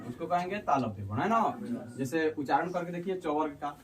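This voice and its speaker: A man teaching a classroom lesson, asking the class questions and repeating their answers with drawn-out syllables. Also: fairly high pitch, lively intonation, over a noisy crowd. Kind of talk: classroom Hindi grammar lesson. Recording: distant mic, noisy class around.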